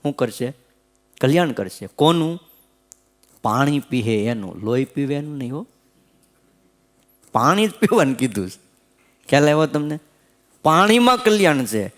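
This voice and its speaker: A man preaches at a mid-range pitch, telling folksy village stories. He keeps checking in with his listeners through quick rhetorical questions. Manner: folksy, lively storytelling. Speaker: swami giving a scripture discourse. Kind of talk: sermon storytelling.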